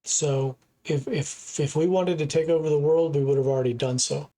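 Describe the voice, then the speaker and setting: A man's voice: a little high, steady tone, moderate pace, mellow. A middle-aged man from the United States hosting a reaction channel, making his points in a casual, earnest way and repeating them for emphasis.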